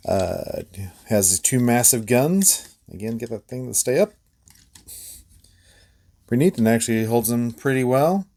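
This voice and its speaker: A man reviewing toy figures in a relaxed, rambling way, with many fillers and small laughs. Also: mid-range voice, a little slow, long pauses. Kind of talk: casual hands-on toy review.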